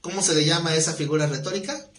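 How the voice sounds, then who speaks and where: A man's voice: fairly high pitch, rapid-fire, a bit bright. A man teaching an exegetical Bible class. He talks colloquially, jokes, and keeps asking the class questions. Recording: echoey room with faint background noise.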